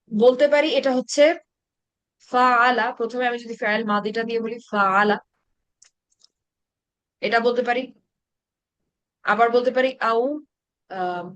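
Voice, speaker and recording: A woman's voice: fairly high pitch, fairly bright tone, dry recording. A woman teaching an Arabic grammar class in Bengali-accented speech, explaining patiently and asking her students questions. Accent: Bangladeshi Bengali.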